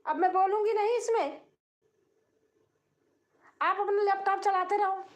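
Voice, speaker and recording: An older woman with a high voice chats away on her home live stream. She talks easily with her viewers and now and then sings a line of a folk song. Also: measured pace. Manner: chatty, warm-hearted, breaks into folk singing. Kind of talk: casual live chat with viewers.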